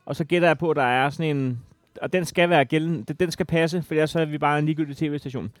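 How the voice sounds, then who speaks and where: A man's voice: on the high side, dry recording. Argumentative man in a dry booth. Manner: argumentative, presses with pointed questions. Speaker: podcast co-host. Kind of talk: heated casual debate.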